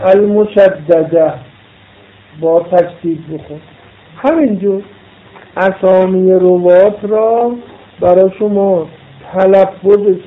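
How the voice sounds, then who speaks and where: Man, religious text teacher, reads then explains, repeats words for emphasis, tinny phone-like recording. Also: high-pitched. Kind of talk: lecture reading and explaining a classical Arabic text.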